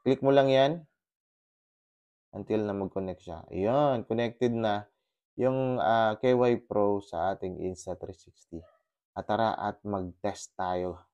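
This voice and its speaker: A Filipino motovlogger with a lowish voice walks through pairing his gear step by step, talking slowly in a casual tutorial vlog. He mixes Tagalog and English and explains steadily with lots of fillers. He's outdoors on his motorcycle in a subdivision, speaking into a helmet intercom headset, and the recording sounds muffled.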